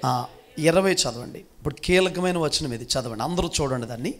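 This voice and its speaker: Man, pastor, fervent sermon, high voice, church microphone. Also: animated, brisk. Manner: fervent, calls for loud hallelujahs, often addresses congregation as beloved.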